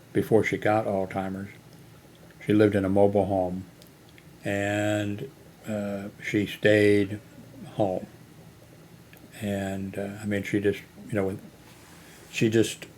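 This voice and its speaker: A channel host in his eighties rambles through a personal monologue, meandering with lots of fillers and restarts. His voice is lowish and a little mellow, with a slight hiss or hum.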